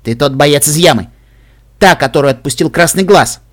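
A man's voice: on the high side, moderate pace, close to an everyday voice. A man voicing a haughty female griffin commander who speaks sharply and dismissively.

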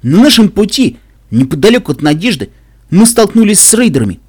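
A man's voice: sits high, big pitch swings, fairly quick, breathy edge, no echo, studio quality, voice pushed up, exaggerated voice. A man voicing a brave, cheerful male pegasus caravan guard in an audiobook, speaking boldly and reassuringly. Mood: grim.

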